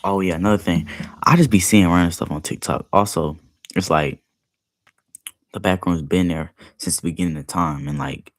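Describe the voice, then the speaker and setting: A young man with a low voice chats casually at a moderate pace while reacting to a video. He rambles, leaning heavily on "like" and other fillers.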